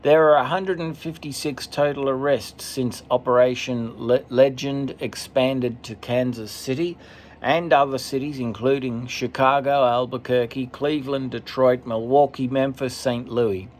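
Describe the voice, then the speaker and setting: A man commentating as he reads a list off a screen, steady, with occasional stumbles and asides. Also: mid-range voice, measured pace, a little hiss or hum. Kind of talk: reading from a screen, casual commentary.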